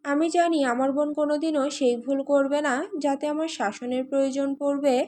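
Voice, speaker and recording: A woman's voice: sits high, fairly even intonation, normal speed, close to an everyday voice. A woman reading an audio story, voicing a stern, commanding young man who scolds his younger sister. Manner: sharp, scolding.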